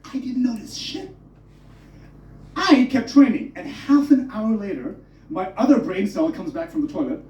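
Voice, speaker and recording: This is a man from Germany doing an energetic, foul-mouthed, self-deprecating stand-up set at a comedy club. His high-pitched voice moves at a moderate pace, recorded at a distance in an echoey room with lo-fi quality.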